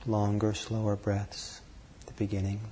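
A man leading a guided meditation, calm and unhurried, speaking in short phrases with long pauses between them. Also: on the low side, a little hiss or hum. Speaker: meditation teacher.

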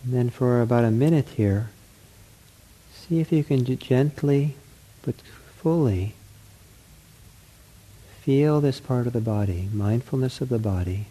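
A man leading a guided mindfulness meditation, speaking gently in short, unhurried phrases with an accepting, reassuring counselor's manner. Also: medium pitch, low-quality recording.

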